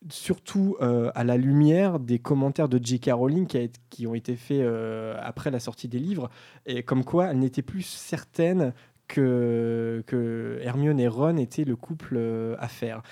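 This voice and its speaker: A man's voice: medium pitch, a little slow, mellow. A man hosting a casual group discussion, talking with frequent hesitations and fillers. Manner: hesitant, many fillers, friendly. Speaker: discussion host.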